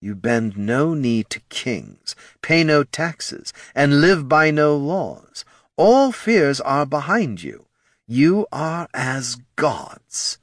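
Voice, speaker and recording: Guy doing a slow creepy skeleton lich king, drags every word out. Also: medium pitch, big pitch swings, a bit bright, dry recording, clean studio sound, voice pushed up, heavily acted. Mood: grandiose. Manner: slow, drawn-out, ominous. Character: slow grand skeletal male lich lord.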